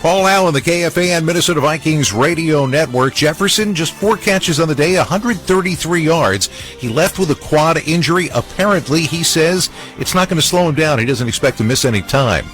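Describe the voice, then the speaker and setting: A man hosting a sports radio highlight show, narrating recaps emphatically. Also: brisk, fairly bright tone. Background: music bed.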